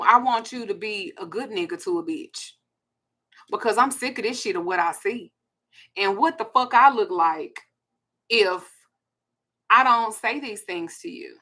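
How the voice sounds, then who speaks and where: A woman's voice: mid-range voice, pushed and bright. A woman, hosting a blunt, profane ranting monologue. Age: 40s. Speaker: host.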